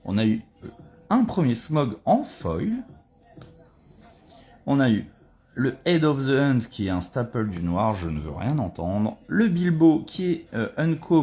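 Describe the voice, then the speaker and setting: A man chatting casually during a live booster opening, excitable and swearing when he pulls a good card. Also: medium pitch, a little slow, breathy edge.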